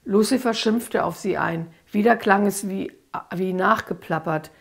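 Give me a woman author reading a grim story, slow and gravelly. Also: mid-range voice. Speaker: author reading her book. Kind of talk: audiobook-style reading.

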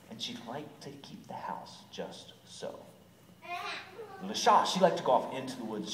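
A man telling a folktale live, coaxing listeners to repeat words and dropping to whispers. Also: mid-range voice. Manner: animated, coaxes audience to repeat words, drops to whispers. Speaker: storyteller. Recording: echoey hall from far off, noisy.

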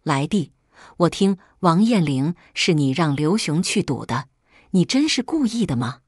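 A woman voicing a worried young classmate speaking gently and hesitantly on the phone. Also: sits low, sing-song, measured pace, husky, no echo, clean studio sound, exaggerated voice.

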